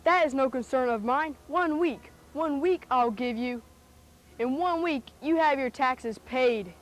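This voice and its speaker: A haughty Bible-era tax collector played by a woman, with a high-pitched voice. He declaims pompously, every bit the greedy official and self-satisfied man of the house. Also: unhurried. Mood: stern, demanding.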